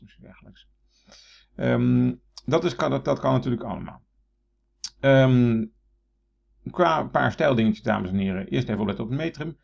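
A man's voice: on the low side, creaky, darkish tone, dull audio. A man teaching Latin, thinking aloud with many fillers and restarts and reading verse aloud in a raised voice. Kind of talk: explaining a Latin text.

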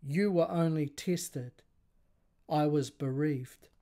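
A man's voice: on the high side, takes it slowly, mellow. A man reading the lines of a grieving, defiant mother of seven sons in a story told aloud. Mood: tender, resolute. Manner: pleading then defiant, read aloud.

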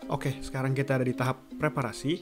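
Male, 20s, relaxed home-kitchen cooking host, middle pitch, recorded over loud music. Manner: relaxed, chatty, drawn-out words. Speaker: cooking vlogger. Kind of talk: casual cooking tutorial.

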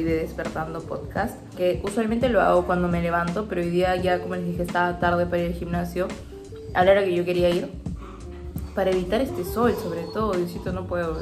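A Peruvian woman in her twenties with a Peruvian Spanish accent narrates a casual daily vlog, talkative and upbeat, confiding in her viewers. Her voice sits fairly low and sounds reverberant, with background music playing beneath it.

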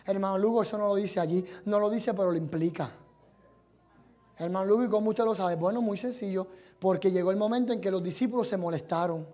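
A male evangelist preaching an impassioned sermon at a church service, switching between Spanish and English and building from quiet talk to fervent shouting. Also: sits high, brisk.

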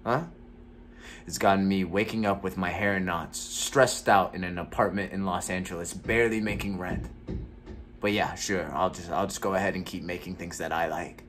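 A young man performing a gloomy, bitter young artist in a dramatic monologue. The voice is low and weary, with hesitant conversational phrasing. Noticeable room noise sits behind it. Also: fairly even intonation, normal speed, a bit bright. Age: young adult. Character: gloomy, stressed, struggling young male actor venting bitterly. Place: small room indoors at home.

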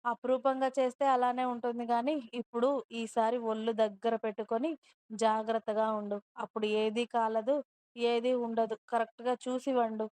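A domineering young husband from a storybook, read by a woman in her own voice. He scolds and threatens in a bossy tone, delivered in a higher, flat-toned voice. The sound is crisp and dry, close to the mic. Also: moderate pace, no room sound, lightly acted. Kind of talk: storybook narration with dialogue.

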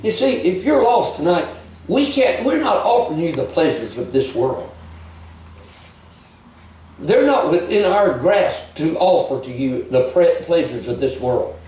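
A man preaching an animated sermon as a visiting preacher, shouting and chuckling as he goes. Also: a little high, a little slow, a little hiss or hum. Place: church. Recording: echoey church recorded from far off.

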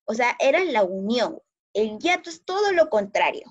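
On the high side and full of big pitch swings, her voice moves at a moderate pace as she explains grammar to primary schoolchildren in an online class. The Peruvian-accented teacher is patient, checks often for understanding, and the recording sounds dull and lo-fi.

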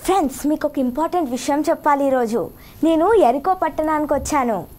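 A woman hosting a children's Bible school program, greeting the children as friends and interviewing a character in animated speech. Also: high voice, fairly quick.

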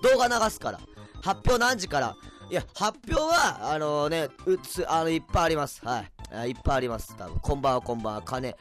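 A man's voice: on the high side, big pitch swings, a little fast, soft background music. Tipsy man rambling on a home livestream. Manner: rambling, erratic, jumps to loud outbursts. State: tipsy from drinks. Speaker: livestreamer, band vocalist. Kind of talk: casual livestream chat reading comments. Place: at home, indoors. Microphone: cheap desk mic.

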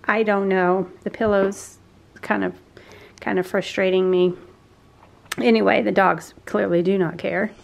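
A woman's voice: medium pitch, steady tone, a little slow, creaky, long pauses. A woman in her forties with a Southern American accent, chatting casually and rambling through a home vlog, filmed at arm's length in her living room. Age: 40s. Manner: chatty, rambling with many fillers and restarts. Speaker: home vlogger. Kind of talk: casual chat. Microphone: handheld camera at arm's length.

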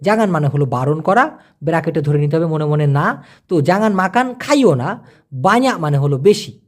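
A man's voice: fairly high pitch, expressive, normal speed. A man, teaching a casual language lesson, repeating words and quizzing the listener. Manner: chatty, repeats words and asks the listener questions.

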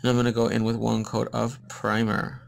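Upbeat man with a gravelly voice. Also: medium pitch, monotone, moderate pace, a little hiss or hum. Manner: upbeat, chatty, explaining steps to viewers. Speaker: nail technician hosting a live tutorial. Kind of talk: live-stream demonstration, mixing English and Spanish.

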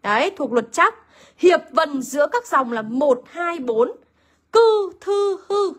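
A woman's voice: high voice, expressive, unhurried, fairly bright tone. A woman teaching an online literature lesson, asking her students questions, answering them herself and repeating key points. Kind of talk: online lesson explaining a poem.

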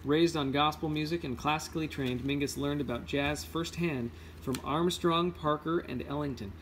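A read-aloud host with a higher male voice reads a children's picture book at normal speed, adding casual asides. He's informal, stumbling over words and correcting himself. The recording is noisy.

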